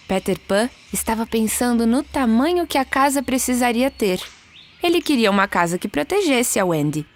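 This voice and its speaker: A woman with a Brazilian Portuguese accent reading a children's storybook aloud in a clear, expressive narrating voice. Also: a little high, slight background noise. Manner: clear, expressive storytelling, lifts her voice for characters' lines. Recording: soft music behind.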